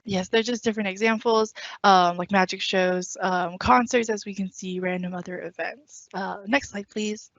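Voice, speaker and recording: A woman student organizer giving a casual virtual orientation presentation, trailing off softly and cueing slides. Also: medium pitch, steady tone, normal speed, hardly any pauses, dry recording. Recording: dry, dull lo-fi call audio.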